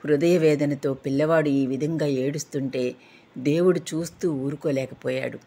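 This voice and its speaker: Woman storyteller, low husky voice, steady scripted devotional narration. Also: moderate pace.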